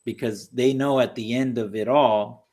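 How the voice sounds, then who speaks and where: A man chatting on a casual podcast, his pitch swinging up and down as he talks. He speaks animatedly, filling his talk with "you know" and slipping into mocking voices. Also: a little slow. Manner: animated, mocking impressions of opponents. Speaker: podcast co-host. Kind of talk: casual political chat.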